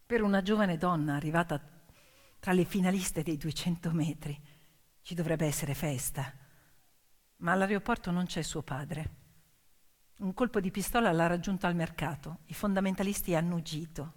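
With a lowish voice at normal speed, the woman performs a dramatic theatrical monologue as a stage storyteller, intense and emphatic, in short suspenseful phrases. Underneath is piano accompaniment, all in long hall reverb.

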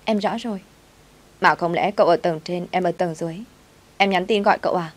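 A woman's voice: lowish voice, fairly quick, natural voice. A woman voicing a clingy, tearful young servant girl who whines and pleads. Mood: pleading. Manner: whiny, pleading.

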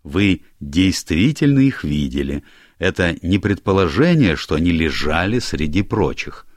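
A man's voice: low-pitched, very animated, measured pace, dry recording, studio quality, full character voice. A man voicing a stern older male minister who speaks curtly and with authority, in an audiobook. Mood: irritated. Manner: curt, commanding, irritable. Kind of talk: audiobook character voice.

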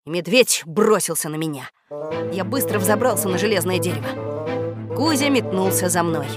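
Expressive woman reading a children's audiobook. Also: lowish voice, normal speed, over music. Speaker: audiobook narrator.

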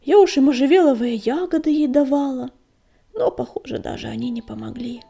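A woman reading a storybook and voicing an anxious, grieving young female healer cat in a hushed, breathy voice. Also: sits high, fairly quick, pitched above the performer's own voice, full character voice. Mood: uneasy.

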